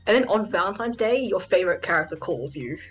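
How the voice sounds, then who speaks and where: A woman's voice: mid-range voice, animated, fast talker, over music, low-quality recording. A woman co-hosting a casual podcast, telling stories eagerly and gushing. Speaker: podcast co-host. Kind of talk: casual chat.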